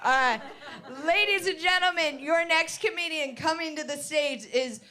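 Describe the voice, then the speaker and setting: A woman's voice: high-pitched, measured pace, pushed and bright. A woman acting as MC at a comedy club, introducing the next act in an upbeat announcing style. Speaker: comedy show MC. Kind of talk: introducing acts.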